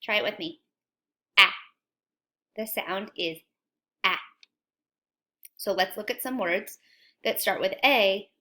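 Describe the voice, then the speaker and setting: Bright-voiced woman teaching kids phonics. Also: mid-range voice. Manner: slow, clear, encouraging sing-song teacher talk. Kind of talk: children's phonics lesson.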